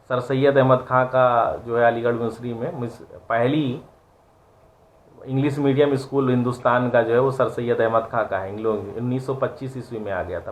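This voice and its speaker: A man teaching an online class, giving an earnest, preachy moral lecture full of rhetorical questions. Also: medium pitch.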